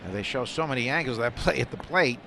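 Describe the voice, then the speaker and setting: Steady stadium sound fills the background as a fast-talking man with a mid-range voice handles radio play-by-play. He's calling the baseball game live from a broadcast booth at an outdoor ballpark.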